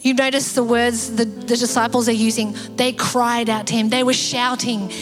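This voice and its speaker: A middle-aged woman preaching a sermon, animated and acting out quoted voices. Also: on the high side, normal speed, music in the background. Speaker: pastor.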